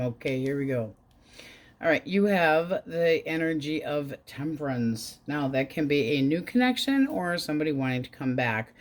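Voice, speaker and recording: A woman giving a casual tarot reading, talking bluntly and chattily, swearing now and then and jumping up in pitch. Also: darkish tone. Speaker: tarot reader.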